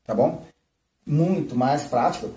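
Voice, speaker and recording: Loud music plays behind a man's voice as he slowly gives a live flute lesson. The teacher's voice is on the high side; he explains techniques and often checks in with "né?" and "tá?", recorded in a roomy space from a distance.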